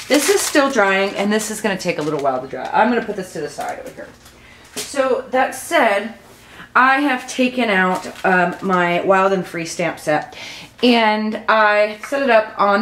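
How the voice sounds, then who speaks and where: A woman talking casually through a craft tutorial as she works, rambling and thinking aloud, with a low early-morning voice. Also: a bit bright. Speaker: mixed-media craft tutorial host. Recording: echoey room, faint background noise.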